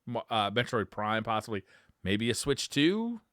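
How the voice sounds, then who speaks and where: A male podcast co-host chats casually and enthusiastically about games, offering commentary along the way. His fairly low voice has a sing-song, slightly bright quality and a somewhat slow pace, recorded dry at studio quality.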